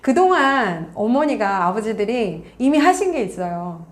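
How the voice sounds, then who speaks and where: Woman, counselor, parenting advice talk, earnest coaching tone, somewhat high voice. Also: big pitch swings, normal speed. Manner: earnest, coaching tone, acts out parent and child lines. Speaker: college counselor and parenting author.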